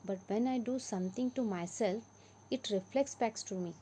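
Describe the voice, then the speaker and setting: A woman with an Indian English accent teaches a grammar lesson in a patient, repeating way, pressing hard on the key words of each example. Her voice is mellow and warm, sitting at an ordinary pitch for a woman. A faint hum runs under the recording. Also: normal speed, low-quality recording.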